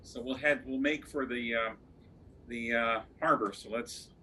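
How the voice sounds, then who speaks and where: A man's voice: medium pitch, fairly even intonation, measured pace, sharp tone, slight background noise. A man playing a tabletop game who speaks hesitantly, with many fillers and restarts. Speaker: player. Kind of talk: tabletop game play, casual chat.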